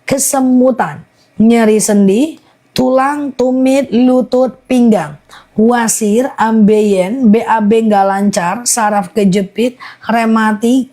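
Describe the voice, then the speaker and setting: A woman's voice: mid-range voice, warm tone. A woman selling honey on a live stream, rattling off long lists of ailments in a chatty, reassuring patter.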